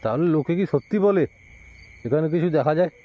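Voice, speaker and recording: Night exploration vlogger: man, mellow, quick, directing the others, crickets in the background. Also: a little high, expressive. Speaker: vlogger filming. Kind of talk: night exploration vlog, casual talk to companions and viewers. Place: outdoors at night in a rural area. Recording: outdoor night recording with faint noise. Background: crickets and insects.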